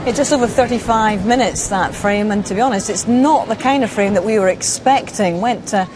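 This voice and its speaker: A woman's voice: medium pitch, fairly quick. A woman presenting live sport in a conversational way, handing over to pundits.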